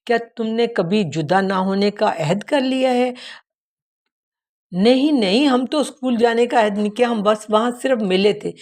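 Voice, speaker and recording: A woman voicing a cheerful, excitable teenage schoolgirl in an audiobook. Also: few pauses, lightly acted. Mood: flustered. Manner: excited, high-pitched.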